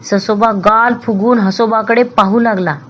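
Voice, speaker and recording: A woman reading a children's book aloud with expressive, deliberate storytelling. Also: fairly high pitch, muffled recording.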